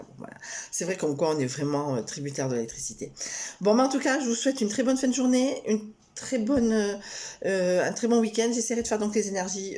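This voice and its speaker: A woman reading tarot cards in a casual vlog, talking in a rambling way with many hesitations and restarts, turning animated and giggly when she jokes. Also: low-pitched. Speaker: tarot card reader.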